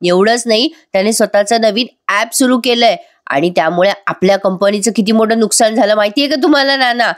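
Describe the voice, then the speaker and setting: A woman voicing an arrogant, rude young man who shouts and blames others. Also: medium pitch, fairly quick, close to an everyday voice. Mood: shouting. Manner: shouting, insolent.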